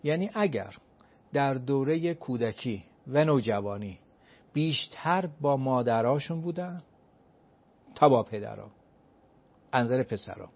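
A man's voice: mid-range voice, animated, pauses often. Emphatic man giving advice, lo-fi. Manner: emphatic, asks and answers his own rhetorical questions; counts off points one by one. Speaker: advice-giving expert guest. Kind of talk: explanatory advice talk. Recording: dull lo-fi recording.

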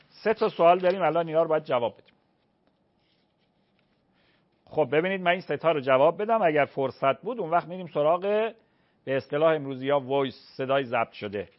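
Lively, slow-teaching cleric man. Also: a little high, muffled recording. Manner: slow, deliberate, repeats phrases to teach pronunciation. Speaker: cleric answering religious questions. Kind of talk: call-in religious question and answer.

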